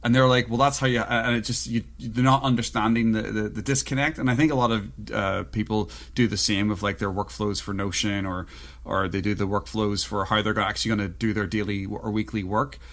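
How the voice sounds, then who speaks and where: A man's voice: lowish voice, little pitch movement, brisk, a bit bright. A man hosting a podcast, telling rambling, anecdotal stories in casual conversation. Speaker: podcast host.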